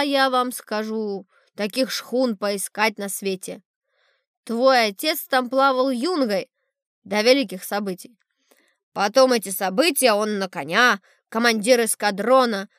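A woman narrating a storybook in a measured, expressive way. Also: fairly high pitch, clear, resonant tone, no echo, clean studio sound. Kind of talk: storybook reading.

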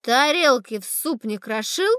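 A rambling old sailor speaks in a confiding, wistful way, as a woman reads him from a storybook. The voice sits high and swoops widely as it drifts along at a slow pace. The recording is dry and close. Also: lively intonation, a bit bright, no room sound. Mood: teasing. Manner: rambling, confiding, calls the boy "brother". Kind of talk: storybook reading.

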